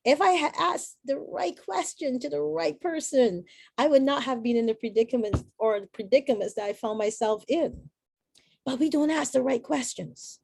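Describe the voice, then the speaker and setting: A woman's voice: high voice, moderate pace, gravelly, a little mellow, husky, no echo. A middle-aged woman from Barbados, giving an earnest, reflective inspirational talk with chatty asides. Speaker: motivational speaker.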